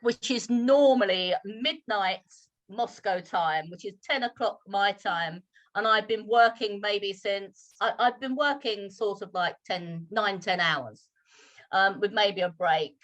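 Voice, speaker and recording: Woman from the UK, guest teacher on a video call; candid and chatty, mid pitch. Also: takes it slowly, fairly bright tone. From United Kingdom. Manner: candid, chatty, with hesitant restarts. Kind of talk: casual online talk.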